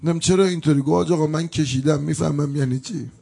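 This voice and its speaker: High-voiced man preaching a mourning sermon. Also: steady tone, creaky, dark tone, husky. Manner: emotional storytelling that breaks into plaintive chanting. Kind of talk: mourning sermon with chanted elegy.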